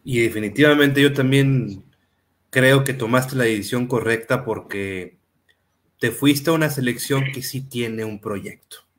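Man hosting, mid-pitched voice. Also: measured pace, a little hiss or hum. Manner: agreeing, restarts mid-phrase. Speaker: podcast host. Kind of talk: casual interview chat.

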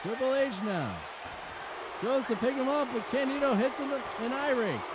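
A man doing an excited wrestling commentator, calling moves play-by-play in a punchy, emphatic, often shouting delivery. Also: very high-pitched, moderate pace. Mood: punchy, focused. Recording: very noisy, loud crowd behind. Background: loud crowd noise.

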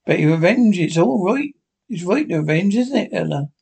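A man's voice: high voice, lively intonation, moderate pace, creaky, darkish tone, husky, heavily acted. A man acting a vengeful, crazed young woman in a horror radio play, speaking obsessively and repeating herself.

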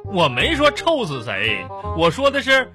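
A man's voice: high-pitched, wildly swooping pitch, a little slow. Teasing man with a Northeastern accent. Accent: Northeastern Mandarin. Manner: teasing, mutters jibes under his breath. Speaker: husband in comedy sketch. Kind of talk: scripted comic dialogue. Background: background music.

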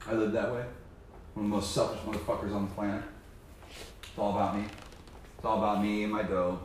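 A man giving a profane, impassioned motivational talk about sobriety, dropping from low muttering to loud emphatic preaching in casual slang. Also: flat delivery, fairly quick, slight background noise. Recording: very echoey room.

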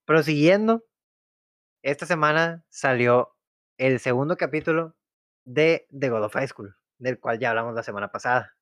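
A man's voice: medium pitch, normal speed, fairly bright tone, no echo, studio quality. A young man, co-hosting a casual podcast, emphatic and tagging phrases with slang. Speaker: podcast co-host. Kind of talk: casual chat.

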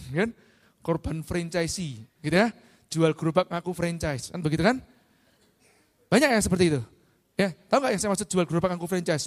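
High-pitched middle-aged man, lively motivational speaker quizzing the crowd, heard in a big reverberant hall. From Indonesia. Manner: lively, asks the audience questions. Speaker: speaker at an event. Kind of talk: motivational talk to a live audience. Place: large hall.

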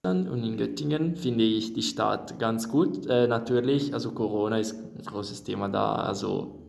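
A man's voice: on the low side, measured pace, creaky, a little mellow, slight background noise. A young man from Italy speaking German with an Italian accent as an interviewed exchange student, searching for words with many fillers and restarts. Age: young adult. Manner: hesitant, many fillers and restarts in a second language. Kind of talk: casual interview answers.

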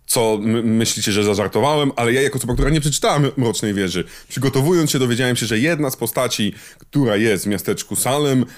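A man's voice: medium pitch, fast talker. Wry man co-hosting a film podcast. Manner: wry, ironic banter. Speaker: podcast co-host. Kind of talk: casual film podcast chat.

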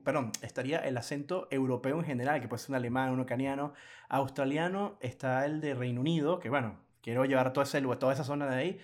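A man co-hosting a casual podcast chat, animated and laughing often, acting out quoted clients in lively bursts. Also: mid-range voice. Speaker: podcast co-host.

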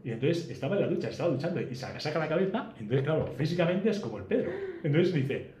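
A man, a podcast guest telling a travel story in a casual, animated way and acting out the dialogue. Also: fairly high pitch, quick pace. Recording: roomy echo, faint background noise.

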